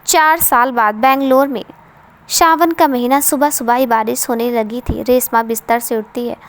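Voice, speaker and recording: Brief: woman storyteller, high voice, steady earnest narration of a moral tale. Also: moderate pace. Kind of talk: reading an emotional story aloud.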